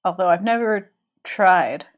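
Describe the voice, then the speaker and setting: While drawing on a live stream, a woman who has a cold chats casually and rambles, often restarting. Her voice is on the low side with lively intonation and an unhurried pace, and the recording's highs are cut off.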